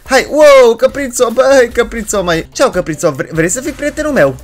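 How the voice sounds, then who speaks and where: A gaming channel host giving loud, chatty let's play commentary, often breaking into shouted exclamations and chatting to the game's characters. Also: medium pitch, very animated. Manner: chatty, addresses viewers and game characters. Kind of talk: excitable horror-game let's play commentary.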